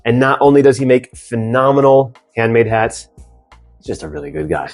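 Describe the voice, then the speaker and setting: Friendly realtor hosting a video interview. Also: male voice, medium pitch, animated, moderate pace, a little mellow, faint music behind. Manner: friendly, short affirming replies. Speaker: realtor hosting a local business segment.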